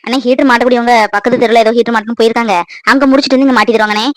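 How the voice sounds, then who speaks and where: A woman voicing a brisk, polite delivery worker in a cartoon. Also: on the high side, fairly even intonation, dry recording, pitched below the performer's own voice, natural voice.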